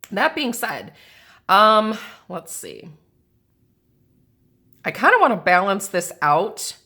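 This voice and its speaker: Filmed by a camera above her indoor craft table, a woman from the American Midwest who crafts planners and journals talks through setting up a planner in casual crafting chat. Her medium-pitched voice is bright and forceful, with a stuffy, sinusy quality.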